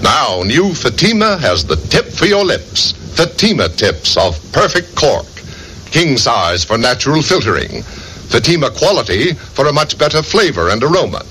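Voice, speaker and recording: A man's voice: medium pitch, very animated, moderate pace, pushed and bright, a little hiss or hum. A male radio announcer giving a polished, emphatic scripted commercial, heard from an old broadcast transcription disc. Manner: polished, emphatic salesman delivery.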